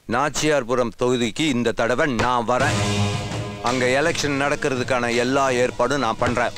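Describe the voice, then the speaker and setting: A man's voice: medium pitch, a bit bright, close to an everyday voice. An actor playing a resolute male officer who takes charge and gives firm orders, in a film. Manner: firm, commanding. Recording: film soundtrack with score.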